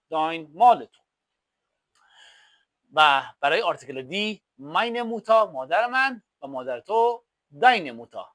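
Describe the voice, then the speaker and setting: A male teacher and native Persian speaker explaining German grammar, drawing out example phrases slowly and repeating them as drills. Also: high voice, a bit bright, no echo. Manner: slow, drawn-out German example phrases between quick explanations. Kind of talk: language lesson explaining examples.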